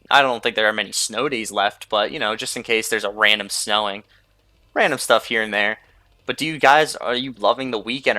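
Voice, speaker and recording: A man's voice: mid-range voice, pushed and bright, dry recording. A young man hosting a gaming video, rambling casually over his gameplay and filling gaps with "like" and "you know". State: sleepy, yawning. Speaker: gaming channel host.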